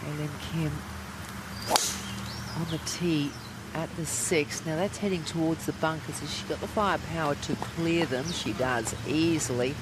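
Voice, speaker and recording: Man, golf commentator, somewhat high pitch, live analysis, noisy outdoor broadcast. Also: steady tone, measured pace. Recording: outdoor broadcast with clear background noise.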